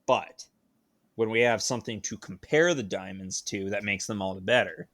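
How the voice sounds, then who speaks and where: A man's voice: fairly low pitch, normal speed, fairly bright tone. A man co-hosting a podcast, chatting casually in a wry, rambling way. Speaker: podcast co-host. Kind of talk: casual banter.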